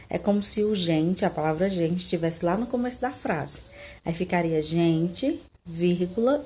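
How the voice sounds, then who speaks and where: Brazilian woman teaching a slow class. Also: mid-range voice, dark tone, slight background noise. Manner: explains slowly, repeating examples with tag questions. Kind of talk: recorded online class.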